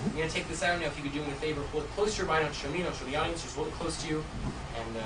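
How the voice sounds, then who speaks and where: Male stage magician, theatrical patter, jokey, high voice, distant mic, roomy echo, addressing a live audience. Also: rapid-fire. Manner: jokey, chuckles at own jokes. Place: fairly large room with a live audience. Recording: echoey room from far off, loud noise.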